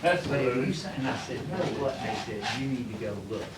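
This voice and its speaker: A man telling casual, chuckling stories to a live group, acting out other people in quick bits of dialogue. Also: medium pitch, expressive, heavy background noise. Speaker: storyteller at a krewe gathering. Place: hall with a gathered audience. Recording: echoey room, distant mic, loud ambience.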